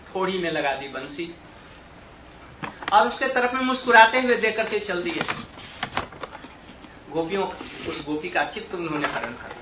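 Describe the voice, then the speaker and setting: A man's voice: high-pitched, bright, forceful tone, a little hiss or hum. A male preacher giving a devotional discourse, telling stories and asking the audience rhetorical questions. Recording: echoey room, distant mic, faint ambience.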